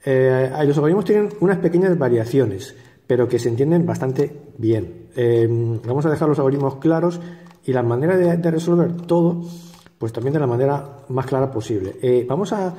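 A man's voice: mid-range voice, moderate pace, warm tone, in a large hall. A man with a Spain Spanish accent hosting a puzzle cube tutorial, talking casually and sardonically, chuckling often and rambling with restarts.

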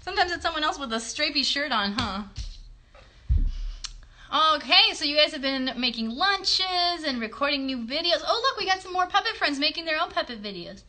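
A woman in her thirties hosts a chatty children's livestream and works as a puppeteer, encouraging her young audience in a high, sing-song, sharp-toned voice at a moderate pace. She's recording in a bedroom on a phone held at arm's length.

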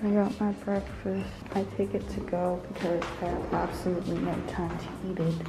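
Young woman keeping it quiet for an early vlog, lower register, long reverb behind her. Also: level tone, over loud music. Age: young adult. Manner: hushed, quick, trying to keep quiet. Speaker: college student vlogger. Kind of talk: casual morning vlog.

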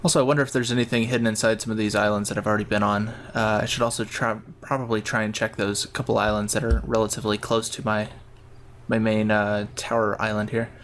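A man's voice: on the low side, little pitch movement, fast, fairly bright tone, a little hiss or hum. A man giving casual gameplay commentary, thinking aloud in a rambling way. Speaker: gamer narrating his own play.

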